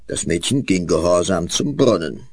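A man narrating a children's fairy tale in an expressive storytelling way. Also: low-pitched, moderate pace, breathy edge, no echo.

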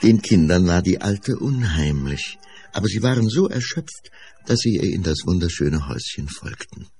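A man narrating a fairy-tale radio play in a slow storytelling manner. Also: low voice, faint music behind. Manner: slow, storytelling, lively emphasis.

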